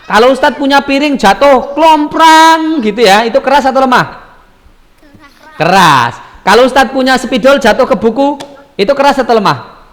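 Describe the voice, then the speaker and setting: A male primary school teacher leads an online class, patiently asking the pupils questions and repeating their answers. His voice sits high. The recording has a long, ringing room reverb. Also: animated, brisk, fairly bright tone.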